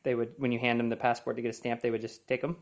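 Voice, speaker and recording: A man's voice: mid-range voice, level tone, racing. Curious man interviewing a child. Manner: curious, repeats answers back as questions. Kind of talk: casual family interview.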